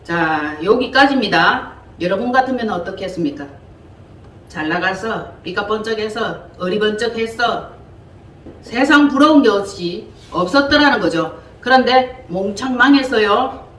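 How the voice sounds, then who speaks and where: A woman's voice: medium pitch, unhurried, distant mic. A woman teaching a Bible lesson, chatty and colloquial, firing questions at her listeners. She sounds set back from the microphone in a reverberant church room. A faint hiss sits under her voice. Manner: lively, colloquial, quizzes listeners.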